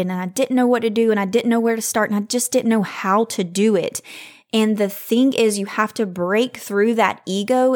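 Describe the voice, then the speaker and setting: A young adult woman speaks as the host of a solo advice podcast. Her delivery is upbeat and orderly, like a practical lifestyle vlogger. She keeps it conversational while laying out guidance in a neat, encouraging way. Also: mid-range voice. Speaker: podcast host and parent giving routine advice.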